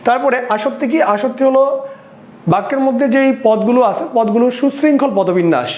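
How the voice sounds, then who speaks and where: A male teacher with a Bangladeshi Bengali accent gives a recorded exam prep lesson in a high voice. He keeps asking the class questions and then answers them himself, and his voice rings around a roomy, echoey space. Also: brisk, a little mellow. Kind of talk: recorded lecture. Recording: echoey room.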